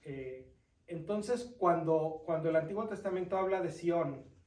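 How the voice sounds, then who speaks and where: Deacon teaching scripture in a roomy hall. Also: male voice, on the high side, measured pace, a little mellow. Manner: reads scripture aloud, then explains it and quizzes listeners. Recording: roomy sound from a distant mic.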